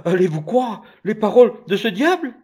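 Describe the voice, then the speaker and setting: A man's voice: extremely high pitch, a little slow, a little mellow, voice pushed up. A man voicing a frightened, guilty older lady who protests shrilly. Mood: panicked.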